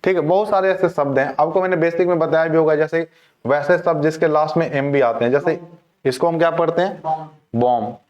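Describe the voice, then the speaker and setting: A man teaching a class, his voice sitting a little high for a man. He asks a question, waits, then answers it himself in a patient, steady classroom manner. The recording is muffled and lo-fi. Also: fast. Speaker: English teacher. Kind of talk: classroom lecture.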